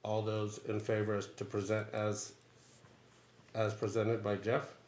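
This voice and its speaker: A man's voice: on the low side, completely flat delivery, unhurried, a little mellow. A man chairing a formal board meeting, moving through procedure in a businesslike way. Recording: echoey meeting room with clear background noise.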